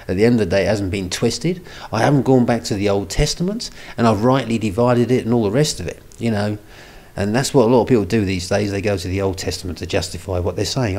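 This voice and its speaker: A man's voice: fairly low pitch, darkish tone. A man hosting a video response, arguing back at a comment with emphatic tag questions such as "isn't it?". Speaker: video host.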